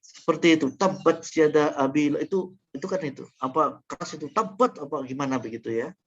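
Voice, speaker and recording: A man's voice: fairly high pitch, fairly quick. A male university lecturer giving a classroom lecture, explaining through examples with frequent fillers and restarts. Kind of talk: classroom lecture on Quran interpretation. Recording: dull lo-fi classroom recording.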